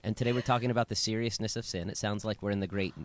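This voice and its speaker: A man's voice: fairly low pitch, fairly even intonation, racing. A man in his late thirties, a pastor co-hosting a podcast, chatting casually and teasing his co-host. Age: 30s. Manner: joking, teasing, playful. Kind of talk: casual chat.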